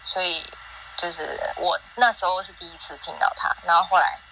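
A woman's voice: on the low side, steady tone, brisk, gravelly, pushed and bright, a little hiss or hum, low-quality recording. A woman Montessori teacher co-hosting, chatting curiously with guests. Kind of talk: casual chat.

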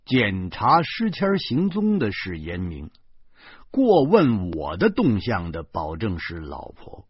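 A man's voice: on the low side, breathy edge, no room sound. A man reading a first-person novel aloud with dramatic, sarcastic storytelling. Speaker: audiobook narrator. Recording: dull lo-fi, dry sound.

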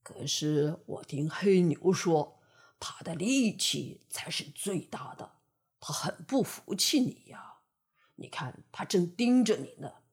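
A woman voicing a sly scheming lion, low and coaxing. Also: takes it slowly, breathy edge, heavily acted. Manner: wheedling, flattering. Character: sly scheming male lion, smooth-talking.

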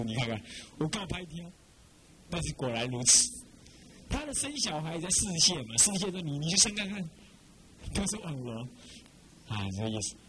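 Lively, quizzing Buddhist abbot. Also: male voice, on the high side, slight background noise, poor audio. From Taiwan. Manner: lively, rhetorical, keeps quizzing listeners. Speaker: abbot teaching monastics. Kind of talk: Buddhist dharma talk.

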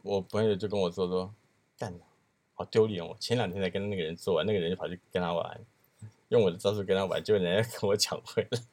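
A man's voice: low voice, steady tone, fast, a little mellow. A man hosting a podcast, telling a crude story in a casual chat and acting out the people in it. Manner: crude, laughing, acts out quoted voices. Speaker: podcast host.

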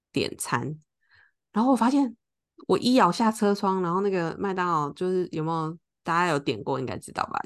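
A woman, co-hosting a podcast and telling a story in casual chat, acting out the lines of the people in it. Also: low voice. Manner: animated, acts out quoted lines. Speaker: podcast co-host.

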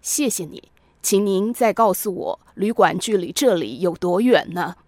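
A woman reading a story, voicing a calm, gracious male emperor who speaks politely and gently teases. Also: no room sound, close to an everyday voice. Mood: courteous. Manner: polite, unhurried, lower voice.

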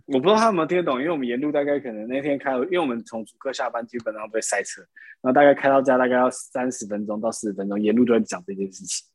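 A man, telling stories in a casual podcast chat, animated, laughing often. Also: mid-range voice, very fast, dry recording. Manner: animated storytelling with frequent laughs. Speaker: podcast co-host.

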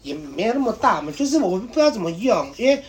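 A man's voice: sits high, sing-song, fast, a little hiss or hum. A young man, telling a candid personal story as a podcast co-host, rambling and breaking into embarrassed laughter.

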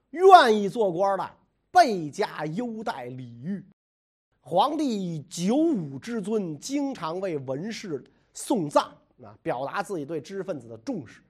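A man's voice: high-pitched, slightly rough. A man telling history stories in a chatty, jokey, colloquial way. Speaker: storyteller. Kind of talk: casual history storytelling.

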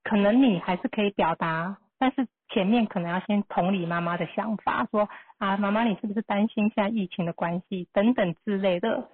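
A woman teaching numerology with a Taiwanese Mandarin accent. She explains things patiently and reassuringly in a husky voice. The sound is thin and narrow, as if it came over a phone line. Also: medium pitch, brisk, few pauses. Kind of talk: advice on a live podcast.

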